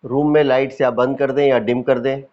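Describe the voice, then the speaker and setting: The highs are cut off in this recording of a man with an Indian accent guiding yoga nidra in a mid-range voice. He teaches calmly and instructively, with deliberate pauses and repeated lines.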